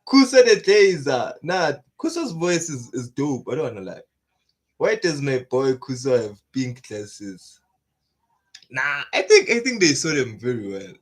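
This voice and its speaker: A young man talks casually through an anime reaction and drops into slang. He often gets hyped and repeats short exclamations. His voice sits at an ordinary middle pitch. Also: measured pace. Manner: excitable, slangy, repeats "nah" in bursts.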